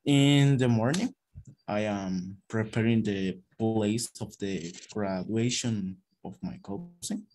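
A man's voice: on the low side, animated, slow pace, a little mellow, slight background noise. A man whose first language is Spanish, answering hesitantly in an English class, searching for words. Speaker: student. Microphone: video call.

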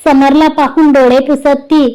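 A woman's voice: high voice, flat delivery, measured pace, dark tone, rough recording. A woman narrating a serialized family story, reading every character's lines in her own voice.

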